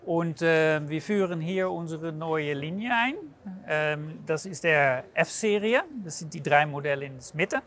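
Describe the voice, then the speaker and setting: A man's voice: fairly high pitch, a bit bright. A man in his forties representing a company, explaining products casually with many hesitations, in a large exhibition hall. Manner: halting, many filler hesitations and restarts.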